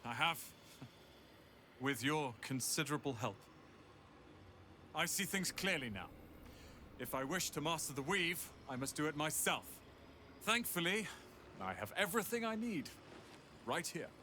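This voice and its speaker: A man's voice: fairly high pitch, sing-song, a little slow, pauses often, bright, forceful tone, a little hiss or hum, exaggerated voice. An actor playing a bitter, proud young male tiefling wizard in a video game, clipped and resentful.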